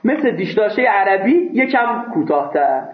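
A man's voice: sits high, big pitch swings, a crowd in the background. A man teaching a seminary class. He reads a text phrase by phrase and explains each part plainly, sometimes with a joke. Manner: reads phrases aloud then explains them plainly, with jokes. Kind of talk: classroom text lesson, reading and translating. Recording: echoey room over a phone-like line.

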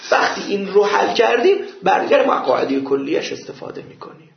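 A male seminary teacher walks his class through a legal argument and tells anecdotes to drive the point home. His voice sits a little high and gravelly, with lively rises and falls. The lecture is captured in an echoey room on a dull, lo-fi recording. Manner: explains, then tells an anecdote to make a point. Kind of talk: jurisprudence lecture.

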